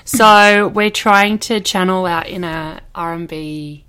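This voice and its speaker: A young adult woman co-hosting a podcast in casual chat, gushing about what she loves and quick to laugh. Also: fairly low pitch, bright, forceful tone, clean tone. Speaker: podcast co-host.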